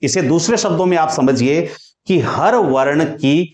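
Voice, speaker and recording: A man teaching Hindi grammar in a classroom lecture, explaining deliberately and stretching out sounds as examples. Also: a little high, lively intonation, a little mellow. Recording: echoey room.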